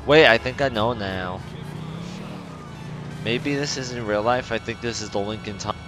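Slangy New guy gaming, low voice. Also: normal speed, over music. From New York. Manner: slangy, profane, rambling. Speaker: let's play gamer. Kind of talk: casual gameplay commentary. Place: at home.

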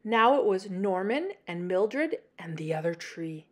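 A Canadian woman hosting story time reads a children's picture book aloud with expression, dramatic pauses and emphasis. Her voice is medium-pitched and animated.

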